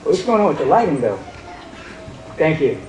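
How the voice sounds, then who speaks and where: A man's voice: fairly high pitch, sing-song, moderate pace. A man performing as a stage magician, teasing and joking with the audience. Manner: joking, teasing the audience, bursts of loud hype. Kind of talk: live magic show banter. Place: large theater on a cruise ship. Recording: echoey hall recorded from far off, crowd noise. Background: audience chatter and laughter.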